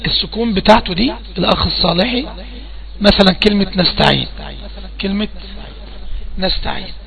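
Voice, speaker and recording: This is a male Quran recitation teacher with an Egyptian Arabic accent, running an online lesson where he quizzes his student and repeats questions to prompt a reply. He sounds high, gravelly, pushed and bright, speaking fairly quickly and expressively.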